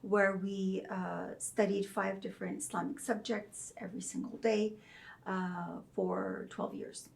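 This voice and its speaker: A middle-aged woman from Saudi Arabia, a professor of religion, tells her story as an interview guest. She speaks in a measured, thoughtful way, using soft fillers, and her voice is mid-range, level and gravelly.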